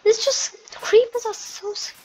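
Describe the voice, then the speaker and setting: A woman giving chatty, excitable commentary while playing a computer game, often apologizing to her viewers. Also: very high-pitched, unhurried, slight background noise. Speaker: gaming video host. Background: game music.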